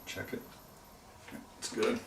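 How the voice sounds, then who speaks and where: A middle-aged man chatting while he works in his pottery studio, rambling and making self-deprecating jokes. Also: takes it slowly. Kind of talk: casual livestream chat while working. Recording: echoey room, distant mic, noisy.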